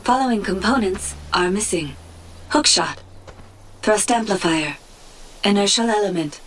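A woman voicing a calm, machine-like suit computer in a video game, reporting in a flat, even manner. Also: medium pitch, a little slow. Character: calm female armor computer voice. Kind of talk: game voice acting. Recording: distant game audio, faint noise.

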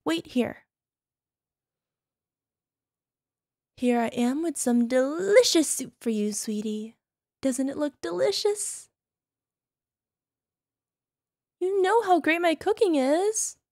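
A very high, girlish voice with a darkish tone plays a young yandere wife speaking to the listener in ASMR roleplay, expressive and unhurried. Delighted and doting, she coos sugary coaxing lines that are possessive with menace beneath. No room sound or echo colors the dry recording.

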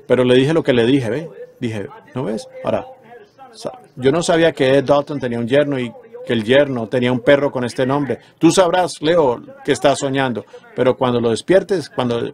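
A man's voice: mid-range voice, a little mellow. A man preaching a sermon, retelling dreams earnestly and rising into emphatic exhortations.

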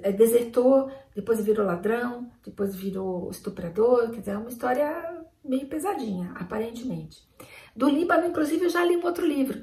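A woman hosting a casual book vlog, chatting about new books and stumbling over foreign names. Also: fairly high pitch. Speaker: book channel host.

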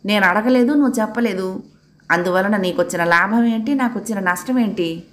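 Woman doing a gentle regretful man. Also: medium pitch, a little fast, a little hiss or hum, close to an everyday voice. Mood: heartfelt. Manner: calm, heartfelt. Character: gentle grown man, regretful old friend.

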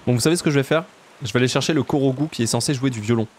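A man with a southern French accent, chatting casually and jokily while playing a game, often jumping up in pitch for emphasis. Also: very fast, a little hiss or hum. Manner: chatty, jokey, jumps to high pitch for emphasis. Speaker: let's play streamer. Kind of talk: casual gameplay commentary.

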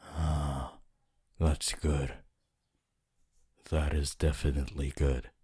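Man voicing Hitoshi Shinsou, very deep husky flirt. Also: little pitch movement, dark tone, full character voice. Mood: tired, awkward. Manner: slow, halting, low-key delivery with sighs and pauses. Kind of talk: roleplay ASMR voice acting.

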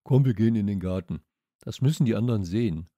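A man's voice: on the low side, fast, dark tone, no echo, dull audio, lightly acted. A man voicing a good-natured schoolboy in a children's audiobook, talking in loose street slang. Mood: casual.

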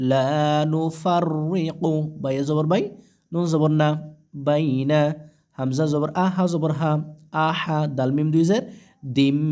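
Man, Quran teacher, spells syllables slowly, draws out recited words, slightly high voice. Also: a little mellow. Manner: slow, syllable-by-syllable spelling with drawn-out recited phrases.

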